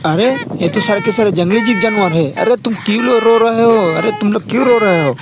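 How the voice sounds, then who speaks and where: A man hosting a kids' toy video, narrating with excitement and repeating his exclamations over and over. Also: high voice, fairly quick, background noise. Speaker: host narrating toy play for kids. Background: background music.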